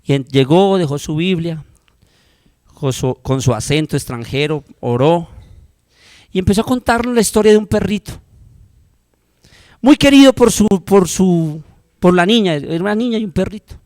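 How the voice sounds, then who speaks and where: A man with a Colombian accent preaching a sermon as pastor, passionate and moving between hushed, intimate passages and loud, urgent ones. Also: high voice, lively intonation, normal speed, pauses often, no room sound.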